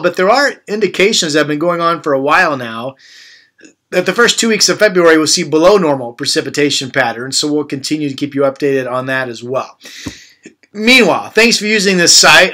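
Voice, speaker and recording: A man giving a casual weather update, relaxed and chatty, with the hiccups and small self-corrections. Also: fairly high pitch. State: has the hiccups. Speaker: weather forecaster.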